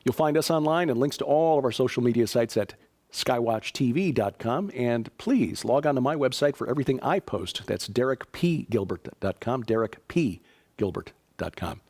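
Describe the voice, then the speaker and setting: Reading stories and announcements at a normal speed, this Chicago news host uses a darkish mid-range voice with lively intonation. His tone is conversational, with fillers and dry asides throughout the casual commentary.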